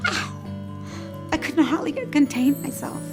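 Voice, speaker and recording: A woman gives a heartfelt interview for a documentary, voicing each line of remembered dialogue with feeling. Her voice sits a little high, and plucked guitar music plays clearly underneath. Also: animated, moderate pace. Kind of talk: emotional personal account.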